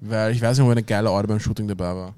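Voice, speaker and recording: A man's voice: lowish voice, steady tone, fast talker, dark tone, clear, resonant tone. A young man with an Austrian German accent, rambling through an anecdote in casual slang with lots of fillers. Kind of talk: casual chat.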